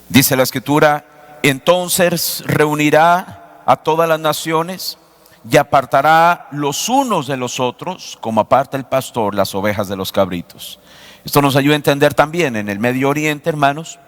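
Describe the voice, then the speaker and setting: A man preaches a sermon from the pulpit, his middle-pitched voice rising and falling as he throws rhetorical questions at the congregation. He speeds through some phrases and drags out others. The sound carries a long, ringing reverb from the church hall. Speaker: pastor. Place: church sanctuary.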